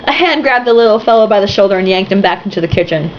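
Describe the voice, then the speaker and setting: Animated and quick, her medium-pitched voice carries a tipsy young woman's giggly, sarcastic read-aloud of a novel, peppered with sweary side comments. Faint hiss runs through the dull, lo-fi home recording.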